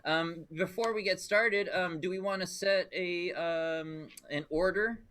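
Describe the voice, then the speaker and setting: Friendly guy hosting a game stream, bit higher voice, laughs a lot. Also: unhurried, a bit bright. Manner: upbeat, welcoming, laughs often. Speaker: game show host. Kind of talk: casual live stream hosting.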